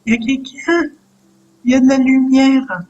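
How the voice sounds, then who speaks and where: A man's voice: very high-pitched, fairly even intonation, normal speed, a little mellow, dull audio, pitched above the performer's own voice. A man voicing a frightened young boy held prisoner in a cage, who pleads timidly for help. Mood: scared pleading.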